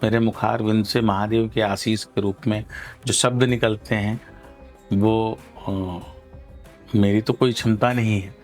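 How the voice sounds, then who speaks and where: Weary, measured male guru. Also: fairly low pitch, steady tone, faint music behind. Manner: measured, formal, halting with fillers. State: tired. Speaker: religious guru. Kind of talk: devotional discourse.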